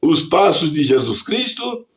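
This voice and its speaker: A man with a Brazilian accent delivering a scripted devotional reflection as a preacher, reading scripture aloud in a deliberate, measured way. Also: fairly high pitch, very animated. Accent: Brazilian Portuguese.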